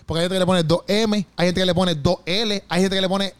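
A man's voice: high voice, steady tone, smooth, no room sound. A man with a Puerto Rican accent, co-hosting a podcast in casual, playful, teasing chat. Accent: Puerto Rican Spanish. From Puerto Rico. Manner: playful, teasing, quick to laugh. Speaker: podcast co-host.

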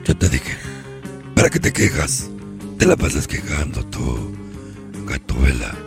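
A man playing a crude, gruff Batman from Sonora in a comedy sketch, with a northern Mexican accent. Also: wildly swooping pitch, unhurried, faint music behind, exaggerated voice. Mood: bickering. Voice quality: deep gravelly voice, slangy and blunt.

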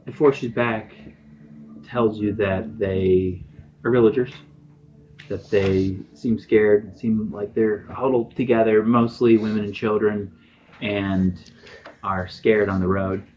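Low-voiced male game master, chatty narration, lo-fi recording. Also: steady tone, takes it slowly, a little mellow. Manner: loose, chatty narration with fillers. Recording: dull lo-fi recording with faint noise.

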